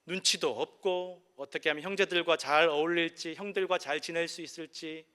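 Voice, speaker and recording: A man delivers a sermon from the pulpit of a church, his bright, slightly high voice carrying a long echo through the sanctuary. He tells his story with acted-out quotes, rising to loud exclamations and dropping to quiet reflection. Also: fairly even intonation, normal speed, clear, resonant tone. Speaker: pastor. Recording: church hall with long reverb.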